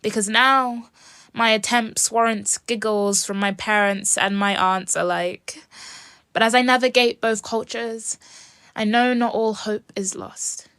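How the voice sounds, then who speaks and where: A young woman from England reciting a personal spoken-word poem in a slow, soft, lyrical way, sometimes dropping to a whisper. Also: a little high, steady tone, clear, resonant tone, no room sound, studio quality. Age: young adult. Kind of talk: spoken-word poetry performance.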